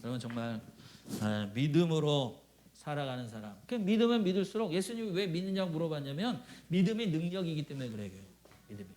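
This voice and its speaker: A man pastor preaching a sermon at a church retreat, animated and constantly prodding listeners with quick rhetorical questions. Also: a little high.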